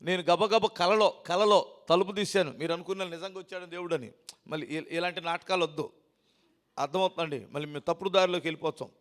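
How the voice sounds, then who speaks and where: A man preaching a sermon as pastor, alternating loud emphatic declarations with quiet, lowered asides and rhetorical questions to the congregation. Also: fairly even intonation, fast. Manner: emphatic, rising to loud declarations then dropping low. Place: church hall.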